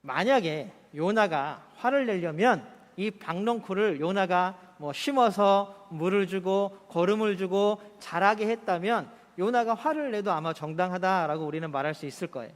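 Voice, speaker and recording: Male pastor, sunday sermon, high-pitched, chatty rhetorical preaching, echoey church hall. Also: animated, moderate pace. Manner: conversational preaching with rhetorical questions. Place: church sanctuary.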